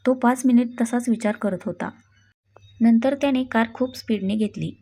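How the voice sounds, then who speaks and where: Woman, story narrator, scripted reading, slightly high voice, mellow tone. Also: normal speed. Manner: reads all characters' lines in near-plain narrating voice.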